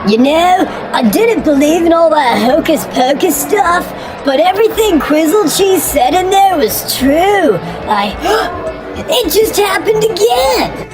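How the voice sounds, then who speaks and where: A woman's voice: extremely high pitch, animated, slow pace, music in the background, heavily acted, low-quality recording. A woman playing a credulous, astonished customer giving a testimonial in a comedy radio ad.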